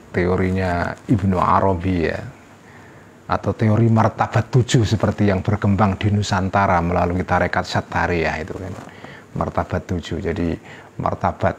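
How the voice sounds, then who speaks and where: A middle-aged man teaching a classical religious text in a relaxed study-circle lecture, thinking aloud with rhetorical questions and short tag words, and lifting his voice sharply when he quotes an exclamation. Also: low voice, slight background noise.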